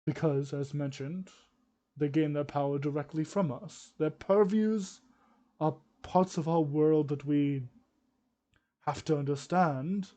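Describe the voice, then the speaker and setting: A man voicing a mild, scholarly old man in a tabletop game, explaining haltingly with small coughs. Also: on the high side, mellow. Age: older. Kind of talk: tabletop role-play.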